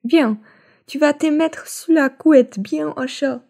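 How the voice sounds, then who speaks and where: A woman voicing a calm, caring mother rabbit in a bedtime storybook, gentle in manner. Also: high-pitched, slow, gravelly, pitched above the performer's own voice, heavily acted.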